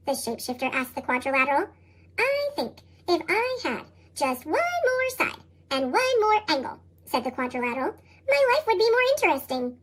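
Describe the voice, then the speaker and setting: A storybook reader whose voice runs through a chipmunk effect, squeaky and sky-high. The reading hops up and down in a lively sing-song and bounces through rhyming verse. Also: low-quality recording. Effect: sped-up, high chipmunk-style pitch shift. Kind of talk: reading picture books aloud.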